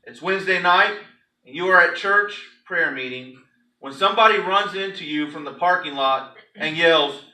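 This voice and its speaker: Reading a story aloud to his congregation, a male pastor delivers it dramatically and emphatically in a fairly high, bright, forceful voice at a normal pace. The mic is distant and the room echoes.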